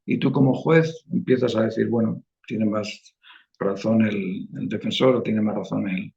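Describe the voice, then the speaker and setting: A man's voice: mid-range voice, vocal fry, darkish tone, dull audio. A man from Spain with a Spanish accent, teaching a one-on-one online painting class and often checking in with "eh?" as he explains. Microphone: video call.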